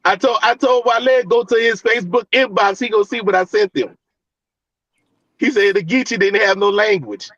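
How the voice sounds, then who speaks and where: High-voiced man, blunt casual group talk, close dry sound. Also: moderate pace, fairly bright tone, dry recording, dull audio. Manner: blunt, emphatic, slangy.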